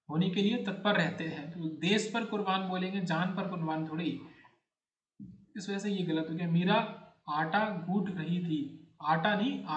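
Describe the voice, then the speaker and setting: A high-voiced man teaches a grammar lesson for exam prep, going through each answer step by step and repeating words as he checks them. He's recorded in an echoey room with a clear echo around him.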